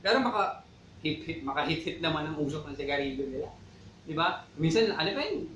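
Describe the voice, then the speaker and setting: A man's voice: a little high, sing-song, a little fast, a bit bright, slight background noise. Chatty preaching man in an echoey room. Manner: conversational, repeats "di ba" often, exhorts "mga kapatid". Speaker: church talk show co-host. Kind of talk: casual faith talk, preachy asides.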